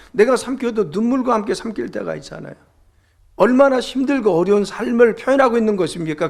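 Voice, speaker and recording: A middle-aged man delivers a sermon with a voice that sits notably high for a man and carries a gravelly edge. He preaches earnestly and keeps turning to his listeners with rhetorical questions. The sound is that of a pastor speaking in his church. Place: church sanctuary.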